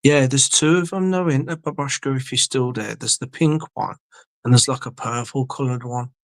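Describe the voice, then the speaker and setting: Male streamer, gravelly and mid-pitched, rambling and swearing casually as he reads chat. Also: normal speed, no echo. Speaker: livestream host. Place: indoor home studio.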